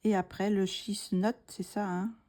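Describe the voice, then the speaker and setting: Middle-aged woman host of a coloring tutorial, low mellow voice, calm, thinks aloud, sometimes whispers. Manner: slow, soft-spoken, thinking aloud, drops to whispers.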